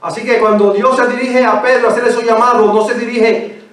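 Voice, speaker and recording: A man with a high voice preaches with passion, piling up his points in repeated lists. His voice rings through a very echoey church, and he sounds some distance from the microphone. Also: little pitch movement, fairly quick, a bit bright. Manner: impassioned, builds repeated lists. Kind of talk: sermon. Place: church sanctuary. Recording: very echoey church, far from mic.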